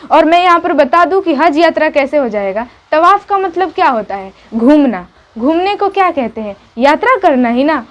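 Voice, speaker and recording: A woman insistently explaining and arguing her point, posing questions and answering them. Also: sits high. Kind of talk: argumentative explanation.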